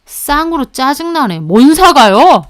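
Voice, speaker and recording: Arrogant young male restaurant owner, voiced by a woman, sneering and loud, clean close sound. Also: sits high, very animated, a little slow, no room sound. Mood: angry shouting. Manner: arrogant, mocking, shouting.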